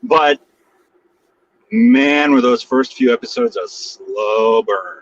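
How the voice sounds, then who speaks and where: A man's voice: fairly high pitch, wildly swooping pitch, takes it slowly, vocal fry. A man calling in from his car, with a tinny, metallic phone sound, chatting casually and joking as a podcast co-host. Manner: joking, easygoing, rambling with fillers. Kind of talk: casual chat. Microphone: mobile phone call.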